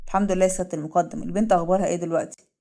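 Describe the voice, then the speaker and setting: A woman's voice: on the low side, fairly even intonation, racing, dark tone, close to an everyday voice. A woman voicing a polite, matter-of-fact male doctor.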